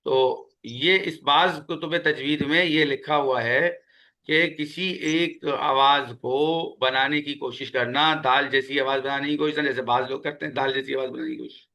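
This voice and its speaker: A man teaching a Quran recitation lesson, patiently repeating key sounds and words slowly for his students. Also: medium pitch, sharp tone. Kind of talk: spoken tajweed lesson.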